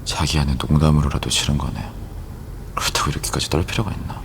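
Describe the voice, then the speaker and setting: An extremely low-voiced young man, the composed executive boyfriend of a romance audio drama. He is terse and wry, teasing with understated possessiveness. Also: fairly even intonation, quick pace, a little hiss or hum. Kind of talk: romance audio drama acting with inner monologue.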